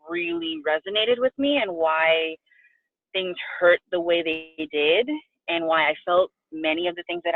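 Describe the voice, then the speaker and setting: A woman's voice: fairly low pitch, dry recording. Puerto rican woman gushing thanks, tinny phone-ish sound, dry. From Puerto Rico. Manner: effusive, gushing, tearful at times. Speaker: coaching client guest. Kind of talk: emotional video-call interview.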